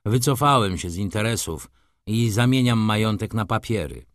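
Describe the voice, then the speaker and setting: A man's voice: lowish voice, animated, normal speed, no echo, studio quality. A man voicing a subdued, reasoning middle-aged merchant in an audiobook. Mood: uneasy.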